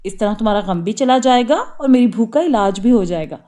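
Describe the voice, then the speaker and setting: A woman voicing a sly, hungry female cat in an animated storybook, speaking in a mocking way. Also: a little high, natural voice.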